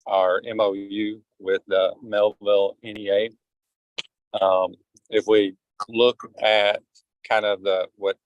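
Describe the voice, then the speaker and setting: A man calling in on a speakerphone while driving his car, briefing a school board as a district administrator in a halting, filler-heavy way. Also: on the low side, no echo, rough recording. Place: in a moving car.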